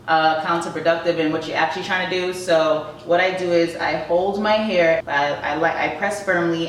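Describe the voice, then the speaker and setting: A woman vlogging in a chatty, fast-talking way, laughing at herself now and then, speaking to the camera. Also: lowish voice, slight background noise. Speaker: beauty vlogger. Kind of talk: casual talk to camera. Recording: echoey room, far from the mic.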